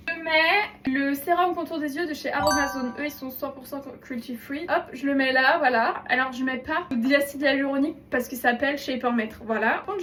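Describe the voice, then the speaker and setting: Chatty high-voiced woman vlogger. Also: fairly bright tone. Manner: chatty, playful, swears freely. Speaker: beauty vlogger. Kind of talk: casual get-ready-with-me chat.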